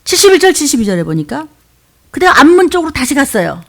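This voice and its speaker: A woman preacher giving a sermon, speaking Korean with touches of Jeolla dialect. She swings between loud, emphatic exhortation and hushed asides. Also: high-pitched, very animated, fast talker.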